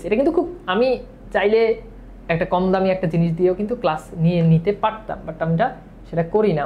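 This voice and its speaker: A man teaches an exam-prep class at a quick clip. His voice sits unusually high. He fires the same question again and again and answers it himself. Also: highs cut off, slight background noise. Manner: drills questions and answers repeatedly; talks fast, as he admits. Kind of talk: online exam-prep lecture.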